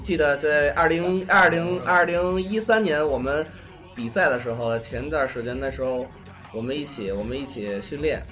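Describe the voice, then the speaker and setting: A man's voice: on the high side, moderate pace, over music. A man co-hosting a podcast, telling a long casual story with many stops and restarts. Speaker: podcast co-host.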